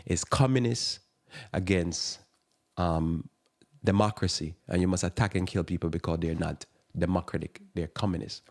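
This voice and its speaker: A man's voice: low-pitched, moderate pace, a little mellow. A man preaching a sermon-style radio talk in a thick accent. He rambles, restarts his words and chuckles at his own asides. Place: radio program.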